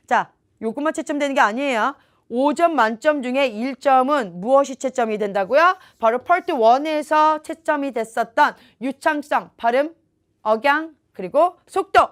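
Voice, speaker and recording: Female instructor, higher voice, explanatory lecture delivery, repeats key points. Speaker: English test prep instructor.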